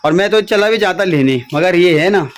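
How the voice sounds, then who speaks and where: A man's voice: high-pitched, expressive, moderate pace, faint music behind. A young man, rambling casually about home and village life in his vlog. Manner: chatty, rambling, laughs at himself. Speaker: vlogger.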